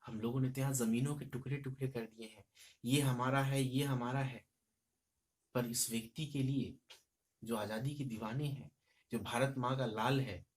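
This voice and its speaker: Male teacher, mid-pitched, moves between plain explaining and forceful poem recitation. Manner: explains in plain speech, then recites verses loudly with rising emphasis. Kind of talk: poetry explanation lesson.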